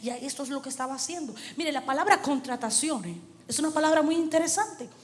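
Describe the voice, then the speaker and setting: A woman preaching a sermon. She reads and explains scripture, asks the congregation questions and rises to shouts at points of emphasis. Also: high voice, quick pace. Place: church sanctuary. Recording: church hall reverb.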